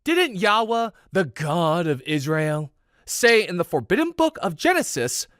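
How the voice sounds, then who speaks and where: A man's voice: expressive, unhurried, no echo, clean studio sound. A man voicing an arrogant, defiant male military leader who talks in a brash, challenging way. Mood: fervent. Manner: brash, challenging, rising pitch.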